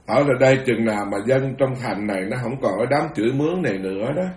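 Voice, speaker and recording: A man as a serene old male sage, gentle steady reassurance, softer voice, roomy echo. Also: mid-range voice, fast, lightly acted. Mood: calm. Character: serene elderly male sage, calm and patient.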